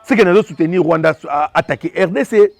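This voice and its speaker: Talking rapidly and with feeling, a Congolese man shares his views in alternating French and Lingala, often repeating himself. His voice is a little high with vocal fry, and there's no room sound.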